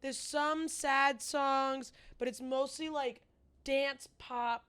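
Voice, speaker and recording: A woman's voice: sits high, fairly even intonation, slow pace, fairly bright tone. A woman in a casual podcast chat, talking in a sassy, slangy, hyped-up girly way with swearing. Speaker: podcast co-host.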